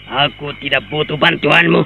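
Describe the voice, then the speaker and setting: An actor playing a wrathful older village father in a radio drama, shouting threats. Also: fairly high pitch, fairly even intonation, normal speed, vocal fry. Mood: furious. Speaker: antagonist. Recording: noisy, muffled radio recording.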